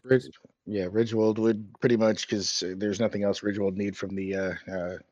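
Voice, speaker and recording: A man at a tabletop game talks about his character with a deep, husky voice and a rambling, easygoing manner. A dull lo-fi mic and a dry space make it sound flat. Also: normal speed, no echo. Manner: rambling, laughing easily. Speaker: player.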